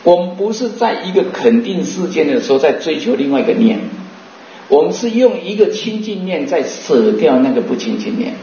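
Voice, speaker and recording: A man giving a Buddhist dharma talk, asking rhetorical questions and slowly chanting to demonstrate. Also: on the high side, big pitch swings, mellow, a little hiss or hum. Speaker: Buddhist teacher. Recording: roomy, muffled recording.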